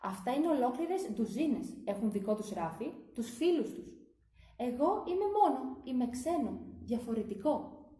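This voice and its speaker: A woman's voice: high voice, big pitch swings, warm tone, echoey room. A woman voicing a lonely, shy handmade water glass in a children's story, with a timid, stammering delivery. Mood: earnest.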